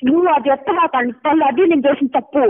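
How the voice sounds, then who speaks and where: A woman's voice: high-pitched, very fast. Curt defensive woman on a phone line. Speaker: ex-girlfriend on the call. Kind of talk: heated phone argument. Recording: tinny phone call recording with faint noise.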